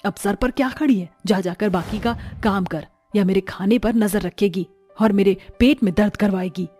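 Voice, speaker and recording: A woman's voice: mid-range voice, moderate pace, dark tone, faint music behind, lightly acted. A woman voicing a harsh, scolding middle-aged mother-in-law who drawls out insults.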